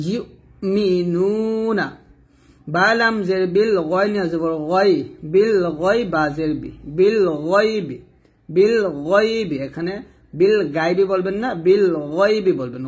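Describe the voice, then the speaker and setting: A man teaching Quran reading in Bengali, spelling letters and vowel marks syllable by syllable and chanting the verses slowly. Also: high-pitched. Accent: Bangladeshi Bengali.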